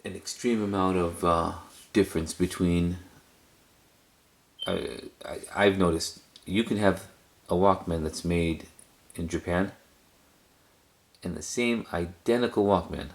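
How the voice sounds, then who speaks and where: A cassette collector hosting a video shows off his collection in a casual, rambling show-and-tell, speaking hesitantly and repeating words for emphasis. His voice is deep, a little slow and marked by vocal fry.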